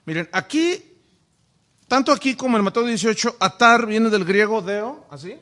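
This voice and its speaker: In a church classroom with a whiteboard, a pastor gives a sermon-style Bible study, peppering his audience with rhetorical questions. His high voice is expressive, bright and forceful, moving at a moderate pace.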